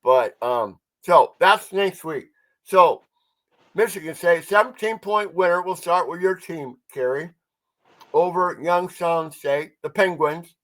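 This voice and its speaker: A man's voice: sits high, slow, fairly bright tone. A man co-hosting a casual sports podcast, talking with mumbled articulation as if he had marbles in his mouth.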